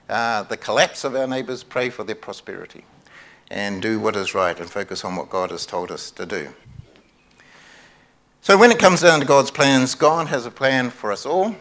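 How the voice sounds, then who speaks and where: A man's voice: mid-range voice, fairly bright tone. A man preaching a sermon at a microphone, earnest, repeating key phrases for emphasis and often restarting his sentences. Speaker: pastor.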